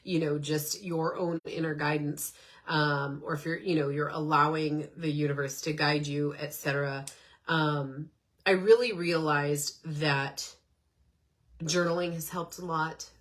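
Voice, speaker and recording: A low-pitched, steady, slightly slow voice belongs to a middle-aged woman whose nose is stuffed up, making her sound nasal. As a podcast host, she rambles chattily through a casual self-help talk, leaning on lots of fillers.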